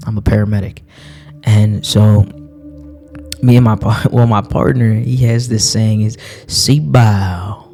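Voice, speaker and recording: A man's voice: lowish voice, creaky, dark tone. A man giving an earnest spiritual talk while reading cards, repeating phrases for emphasis.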